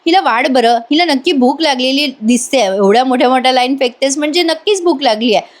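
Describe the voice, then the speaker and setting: A woman's voice: high voice, expressive, fairly quick. A woman voicing a kindly young husband who talks in a playful, teasing way.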